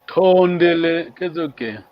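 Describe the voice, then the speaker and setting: A man teaching an online language lesson, patiently repeating words slowly for his students. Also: on the high side, animated, highs cut off.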